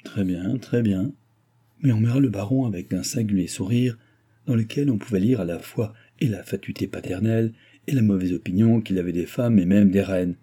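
A man reading a classic novel as an audiobook narrator, measured and literary. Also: fairly low pitch, warm tone, slightly rough. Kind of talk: scripted narration.

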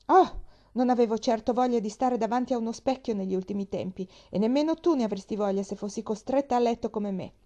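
A woman's voice: medium pitch, lively intonation, fairly quick, few pauses, warm tone, lo-fi sound, pitched above the performer's own voice, natural voice. A woman doing a sour invalid woman. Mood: peevish. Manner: sour, complaining. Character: irritable bedridden woman of forty.

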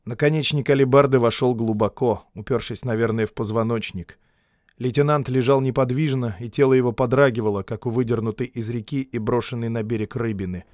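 A man narrating an audiobook in a steady, dramatic reading voice. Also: medium pitch, brisk, no room sound, clean studio sound.

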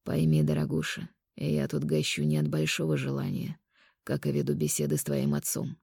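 A woman voicing a cruel male conqueror in an audiobook, speaking low, hushed and taunting. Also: level tone, moderate pace, creaky, husky, no room sound, studio quality, exaggerated voice. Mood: cold menace. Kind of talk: audiobook character voice.

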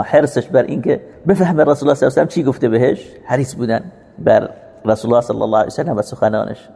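A man teaching a religious text as a lecture, explaining hadith and rising into emphatic, drawn-out recitation of quotations. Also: medium pitch, gravelly, mellow, big-room sound.

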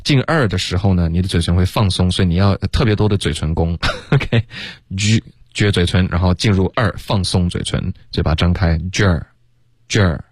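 A deep-voiced man co-hosting a radio English lesson, explaining pronunciation patiently and moving easily between Chinese and fluent English. His voice sits very low and is recorded dry and close. He laughs easily between points. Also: brisk, dry recording. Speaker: English teacher, co-host.

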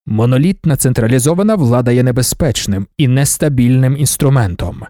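A man reading the part of an ancient godlike male emperor, calm and cryptic, with a slow, weighty delivery. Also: medium pitch, no room sound, studio quality, lightly acted. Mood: measured.

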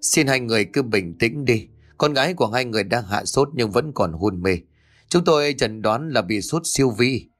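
A calm older male doctor, played by the storyteller, brisk and measured as he reassures the family. The tone stays lively in pitch though steady in manner. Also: soft background music, close to an everyday voice. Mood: reassuring.

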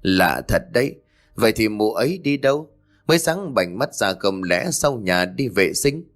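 A man voicing a tyrannical, quick-tempered old landlord who scolds and barks at his servant. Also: fairly low pitch, lively intonation, faint music behind, natural voice. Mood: suspicious. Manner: scolding, barking.

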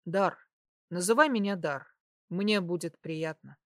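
A woman voicing a young nobleman who speaks softly and persuasively, often in a near whisper, in an audiobook. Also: lowish voice, a little slow, no echo, studio quality. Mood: tender. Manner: soft, hushed, whispering.

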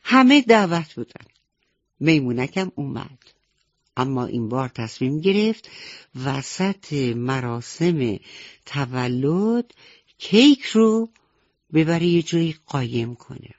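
A woman's voice: deep voice, sing-song, long pauses, no echo. Tender woman telling a bedtime story. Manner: gentle and tender, speaking directly to children. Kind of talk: children's bedtime radio storytelling. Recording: dull lo-fi radio recording with faint music.

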